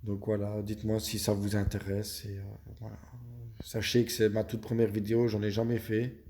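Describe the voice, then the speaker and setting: A man's voice: lowish voice, completely flat delivery, moderate pace, dark tone. A Belgian man with a Belgian French accent giving casual gameplay tips as a YouTuber, hesitant and full of fillers and self-corrections. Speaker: gaming YouTuber.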